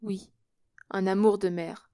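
A woman reading the part of a loyal, warm-hearted young male worker, speaking tenderly and earnestly. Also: mid-range voice, steady tone, slow pace. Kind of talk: audiobook character reading.

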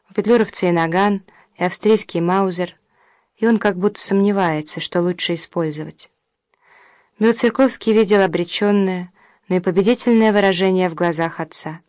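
A woman reading a novel aloud as an audiobook narrator, measured and somber. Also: fairly low pitch, a little mellow, dry recording, studio quality.

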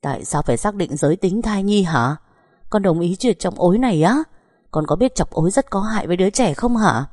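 A woman's voice: on the low side, lively intonation, fairly quick, darkish tone, husky, dry recording, studio quality, pitched above the performer's own voice. A woman voicing a fierce, protective middle-aged mother who scolds sharply. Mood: scolding.

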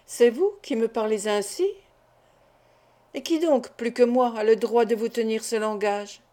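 A woman's voice: a little high, a little slow, warm tone, natural voice. A woman reading the part of an agitated young man who insists on confessing a theft, in an earnest, indignant tone.

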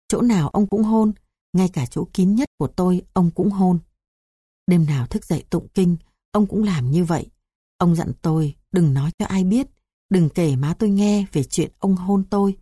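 A woman with a Southern Vietnamese accent reading her memoir aloud in a calm, even storytelling manner. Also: lowish voice, slightly rough, no room sound, clean studio sound. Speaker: memoir narrator.

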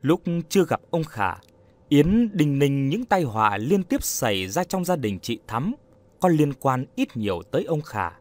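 A man narrating an audio story in a steady, expressive storytelling manner. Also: a little high, unhurried.

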